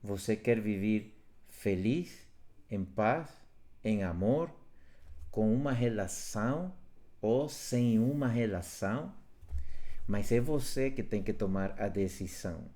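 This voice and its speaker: In a live stream from his home, a man who facilitates workshops discusses relationships, love and self-awareness with earnest conviction, repeating phrases for emphasis. His voice is fairly low and warm, and he takes his time.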